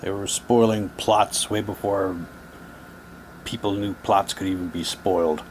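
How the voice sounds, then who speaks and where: With a fairly low, evenly intoned voice, a man unhurriedly unboxes audio drama sets for his hobby channel. He rambles, repeats himself, and reads printed items aloud over slight background noise.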